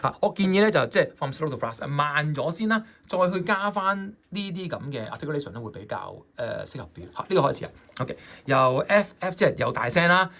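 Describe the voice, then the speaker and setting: A man's voice: fairly high pitch, expressive, fairly quick, few pauses, pushed and bright. A man with a Hong Kong Cantonese accent, teaching saxophone in a chatty way and often checking in with his students. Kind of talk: explaining a score in a music lesson.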